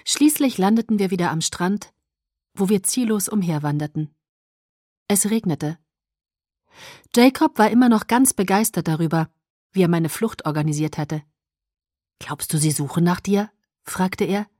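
A woman reading a first-person audiobook in a calm, even storytelling manner. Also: medium pitch, normal speed, long pauses, no echo, clean studio sound. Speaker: audiobook narrator.

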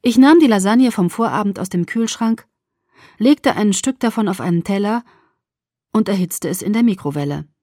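A woman narrating a novel in the first person, measured and clear. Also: mid-range voice, animated, warm tone, no room sound, studio quality. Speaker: audiobook narrator. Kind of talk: scripted narration.

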